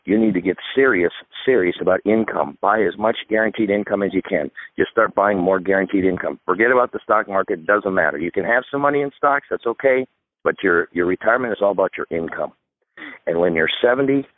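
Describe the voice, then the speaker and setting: A man's voice: low-pitched, brisk, dry recording. A man in his fifties, a retirement expert guest, giving emphatic step-by-step advice in a radio interview. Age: 50s. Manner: emphatic, instructive, lays out steps. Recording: dry tinny phone line.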